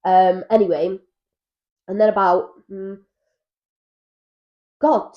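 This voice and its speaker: A young woman in her twenties co-hosting a couples podcast, chatting casually and telling stories with animated asides. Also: mid-range voice, slow. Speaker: podcast co-host. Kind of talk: casual chat. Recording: dull lo-fi mic sound.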